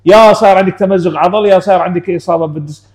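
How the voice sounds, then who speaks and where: A man's voice: high voice, rapid-fire, a little mellow. A man, a clinician explaining things in casual discussion and often checking in with his listener. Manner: explaining, frequent "you know how?" asides. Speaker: clinician guest.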